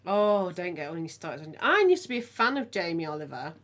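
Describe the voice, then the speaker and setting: A woman's voice: lowish voice, very animated, brisk, a bit bright. A middle-aged woman with a Midlands accent, chatting casually as a podcast co-host and telling stories with frequent laughter. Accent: English Midlands. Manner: chatty storyteller, laughs often. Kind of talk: casual family chat.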